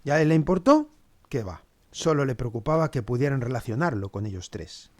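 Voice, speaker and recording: A man's voice: medium pitch, very animated, a little fast, darkish tone, dry recording, close to an everyday voice. A man playing a cynical male servant, telling the story with sardonic, dry asides. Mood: wry. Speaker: podcast storyteller. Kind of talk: scripted two-hander narration.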